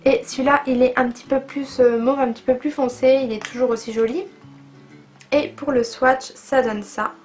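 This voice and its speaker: A woman with a high voice talks through her favourite makeup products in a casual beauty vlog. She sounds chatty and eager and fills her speech with little hesitations. Soft music plays faintly behind her. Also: fairly even intonation, moderate pace. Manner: chatty and enthusiastic, with frequent fillers. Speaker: beauty vlogger.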